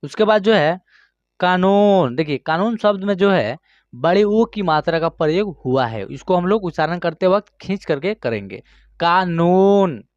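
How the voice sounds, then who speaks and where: A man's voice: sits high, expressive, darkish tone, dry recording, lo-fi sound. A man teaching Hindi reading in an online class, sounding out each word syllable by syllable and drawing words out as he checks that students follow. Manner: slow, drawn-out word-by-word pronunciation with frequent check-ins.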